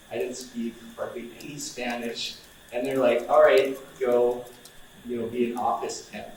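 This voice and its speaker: A man's voice: mid-range voice, far from the mic, slight background noise. Young male speaker, loose and conversational with students; room echo, mic set back. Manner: relaxed and chatty, many fillers and restarts. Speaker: outreach coordinator speaking to students. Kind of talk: informal talk to students.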